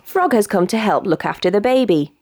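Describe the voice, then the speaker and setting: Expressive British woman reading a storybook. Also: medium pitch, fairly quick, no echo. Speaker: storybook reader. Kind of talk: children's bedtime story read-aloud.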